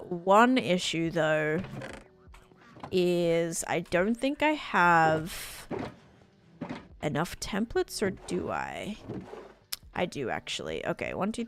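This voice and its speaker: A woman, chatting casually and rambling with lots of fillers while she streams a game. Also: on the low side. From Australia. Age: late 20s. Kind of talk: casual chat while gaming.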